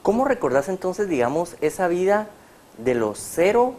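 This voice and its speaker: A man's voice: high voice, very animated, moderate pace, a little mellow. Earnest male host of a faith program. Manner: earnest, preacher-like. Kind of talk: testimony interview.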